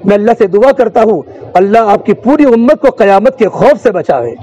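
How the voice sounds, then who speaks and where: A man delivering a sermon in a high, mellow voice, building his points through rhythmic repeated refrains and passages of recited verse. The sound is dull and lo-fi. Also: animated. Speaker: preacher.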